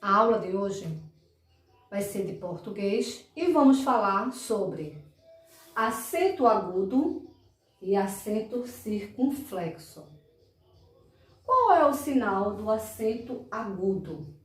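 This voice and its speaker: A woman's voice: medium pitch, big pitch swings. A Brazilian woman teaching children in a recorded lesson, stretching out words and checking in often. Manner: drawn-out, emphatic enunciation of words, frequent "tá?" checks. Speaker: primary school teacher. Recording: echoey room, mic far off.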